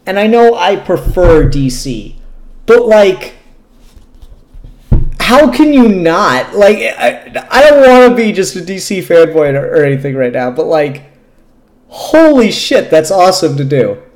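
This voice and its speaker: A man hosts a loose, unscripted comic book review vlog, speaking candidly and ramblingly with the odd curse. His high voice is sing-song and darkish in tone, delivered at a measured pace, and the room echoes.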